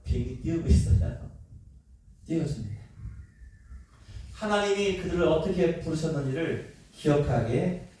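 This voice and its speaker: A middle-aged man preaching a sermon as pastor, animated, asking the congregation questions and acting out voices. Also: a little high, moderate pace, pauses often, far from the mic, a little hiss or hum. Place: church sanctuary. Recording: echoey church hall, speaker away from the mic.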